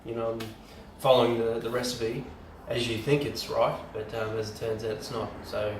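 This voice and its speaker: A man's voice: mid-range voice, flat delivery, moderate pace, noisy background. A man, a home brewer, chatting casually through a how-to video, rambling with lots of ums and restarts. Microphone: camera from a distance. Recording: roomy and distant camera mic.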